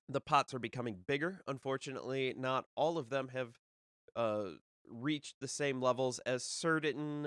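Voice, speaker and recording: This disc golf podcast host speaks alone in a casual live stream, rambling with many fillers and restarts. His medium-pitched male voice is a bit bright, smooth and slightly nasal. The sound is studio quality with no echo.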